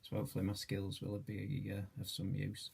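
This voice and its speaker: A man in his late forties from Yorkshire speaks in a low, gravelly and somewhat husky voice. He talks in a flat, even way, hesitant and modest, with plenty of ums as he introduces himself for a charity video. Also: moderate pace. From Yorkshire, England. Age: 40s. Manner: hesitant, many fillers, modest. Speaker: charity trustee and treasurer.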